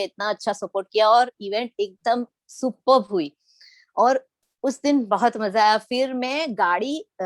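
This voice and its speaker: A middle-aged woman from Gujarat sharing her personal story in a lively storytelling manner, acting out the quoted lines. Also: on the high side, no echo. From Gujarat, India. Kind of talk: personal testimony talk.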